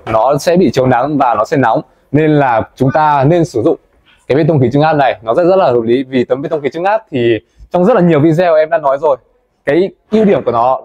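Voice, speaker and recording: Fast-talking young man touring a site. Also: medium pitch, darkish tone, no echo, muffled recording. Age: young adult. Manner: fast, chatty, addresses viewers as "mọi người". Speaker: company presenter touring a build site. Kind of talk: presenter-led site tour. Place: indoors in a large wooden café under construction. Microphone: lapel mic.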